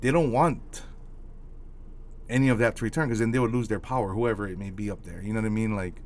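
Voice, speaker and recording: A man's voice: lowish voice, quick pace, darkish tone. A man from Hawaii with a Hawaiian accent, co-hosting a casual podcast, talking passionately and swearing freely. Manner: passionate, heated, swears freely, keeps asking "you know what I mean". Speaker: podcast co-host.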